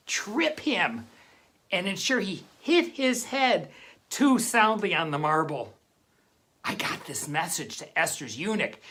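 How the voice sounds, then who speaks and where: A woman's voice: lowish voice, a bit bright. A woman playing a humble, devout man who tells his own story in a plain, earnest way. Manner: plain, earnest first-person telling.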